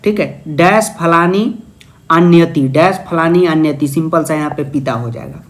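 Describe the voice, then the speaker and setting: A young male tutor works through a Sanskrit exam paper. His voice sits notably high, and his manner is playful and teasing. He keeps asking questions and then answering them as if he were a student. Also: unhurried. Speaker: Sanskrit teacher. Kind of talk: exam-prep video lesson.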